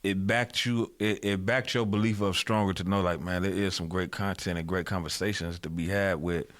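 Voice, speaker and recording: Male co-creator guest, very low voice, rambling earnest casual talk. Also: fairly even intonation, moderate pace, fairly bright tone. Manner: rambling, earnest, many "you know"s. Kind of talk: casual podcast chat.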